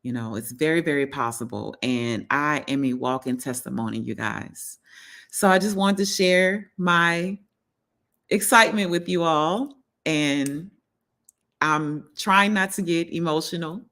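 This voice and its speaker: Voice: mid-range voice, lively intonation, unhurried, pushed and bright. A holistic health coach hosting a casual live stream, talking in an earnest, encouraging way and repeating phrases for emphasis. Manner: repeats phrases for emphasis, many "you know" fillers.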